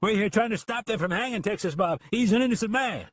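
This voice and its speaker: Brief: man putting on an urgent townsman yelling from the crowd, pitched way up. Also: lively intonation, fast. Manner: calling out, pleading.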